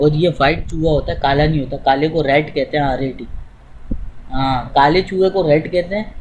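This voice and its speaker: A man's voice: fairly high pitch, a little mellow, a little hiss or hum, poor audio. A man teaching English, explaining step by step in an informal way to a student while demonstrating on screen.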